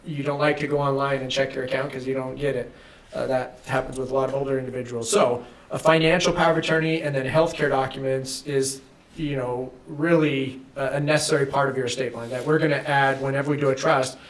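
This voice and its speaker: A male estate planning attorney walks through legal steps on a casual podcast, measured and plain-spoken. He has a mid-range voice and fairly even intonation.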